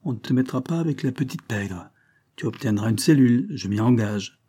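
A man's voice: medium pitch, expressive, fairly quick, dark tone, slightly rough. A man voicing a small, frail, ironic police agent in a storybook reading, with a teasing, mocking manner.

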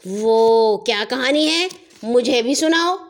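A woman's voice: on the high side, expressive. Grumpy padlock as a woman voices it. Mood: curious. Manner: loud, complaining, quick when angry. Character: grumpy stubborn male padlock, easily angered. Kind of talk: children's audio story.

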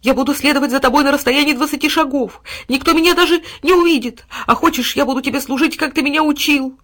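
A woman doing a frantic devoted dog. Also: quick pace. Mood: pleading. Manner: excited, pleading, very high and loud. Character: loyal eager male dog, devoted and pleading.

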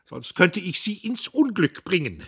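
A man playing an old, bitter foreman, pleading and reproachful, his voice pushed up high and strained. It carries a husky grain, in the manner of a storybook reading. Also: unhurried. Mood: shrill. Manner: pleading and reproachful, rising to shrill anger.

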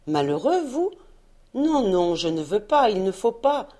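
A woman voicing a brave, gentle young peasant woman who speaks earnestly and pleadingly. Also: mid-range voice, expressive, moderate pace, close to an everyday voice.

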